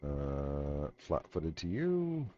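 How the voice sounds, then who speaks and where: A man with a deep voice runs a tabletop game as game master, taking his time over each word. His pitch swings widely as he talks. The sound is dull, lo-fi online call audio. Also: wildly swooping pitch, very slow. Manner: matter-of-fact, talks through software settings.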